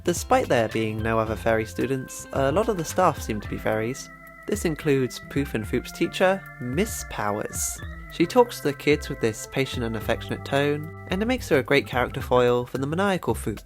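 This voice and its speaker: A man's voice: mid-range voice, big pitch swings, normal speed, faint music behind. A man narrating a scripted video essay about a cartoon, wry and chatty in his commentary.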